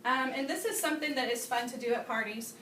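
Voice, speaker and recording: A woman's voice: high voice, fast, bright, forceful tone, slight background noise. A woman giving a bubbly, chatty Tupperware party training demonstration to a small group, laughing often. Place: room with guests at a party demo. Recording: roomy sound from a distant mic.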